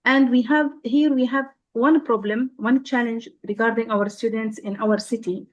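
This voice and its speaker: A woman from Syria with a fairly high voice talks on a video call, stopping and restarting her sentences with many fillers. The audio comes through dull and lo-fi. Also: steady tone, moderate pace. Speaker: nursing professor, guest. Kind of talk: casual panel chat.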